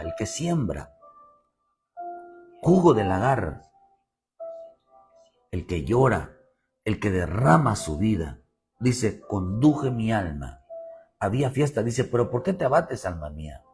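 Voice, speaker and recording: A man's voice: lowish voice, darkish tone. A male pastor with a Mexican Spanish accent, preaching a sermon with repeated phrases and swelling emphasis, often calling the listeners "brother". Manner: preaching with repetition and rising emphasis, addressing "hermano".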